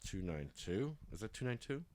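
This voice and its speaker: On his casual call-in show, a podcast host explains a website to a caller and becomes frustrated, flaring up, cursing, and apologizing. His voice is lowish and darkish, very animated at a moderate pace, with a little hiss or hum in the recording.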